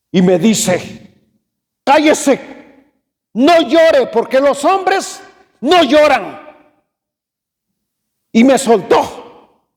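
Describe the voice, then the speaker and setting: A man preaches his own testimony in a high voice. He swings between loud, emotional passages and hushed ones. The voice trails off in a long hall reverb. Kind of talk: sermon testimony.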